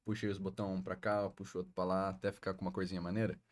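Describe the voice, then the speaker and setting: A man's voice: low-pitched, little pitch movement, rapid-fire. A man with a Brazilian accent casually directing his video editor at work, pushy and full of slangy examples. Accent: Brazilian Portuguese. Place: workplace, with a colleague.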